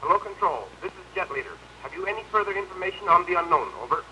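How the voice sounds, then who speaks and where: A man's voice: high-pitched, animated, fast, sharp tone, slight background noise. A man speaking as a jet squadron leader over a pilot's helmet radio, clipped and formal, using radio procedure and call signs. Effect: pilot's helmet radio, distant and thin.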